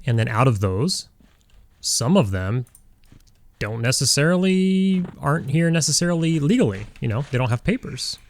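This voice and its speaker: At normal speed and with big pitch swings, a Southern Californian gaming streamer in his forties rambles casually as he plays. His medium-pitched chatter is full of fillers and restarts.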